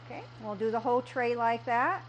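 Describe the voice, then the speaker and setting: In a muffled recording with a little hiss or hum, a middle-aged candy shop owner with a rather high voice speaks fairly quickly. She's demonstrating a recipe step by step in a small kitchen, often using fillers.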